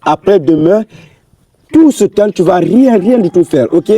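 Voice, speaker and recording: A pleading big brother, played by a man, apologizes again and again in a comedy film. His voice is very dark and mellow, with a slightly raised pitch. The dry recording keeps him close. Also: expressive, a little slow, dry recording, far from the mic. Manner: pleading, coaxing. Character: apologetic older brother coaxing his little sister.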